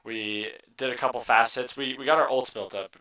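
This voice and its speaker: A man's voice: medium pitch, steady tone, normal speed, sharp tone, poor audio. A young man giving a casual post-match interview as an esports player, in informal, hesitant phrasing.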